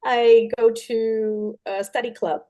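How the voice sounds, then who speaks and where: A woman's voice: a little high, takes it slowly, dull audio. Emotional woman telling a personal story. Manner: conversational, many fillers, animated quoted voices. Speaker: pediatric dentist guest.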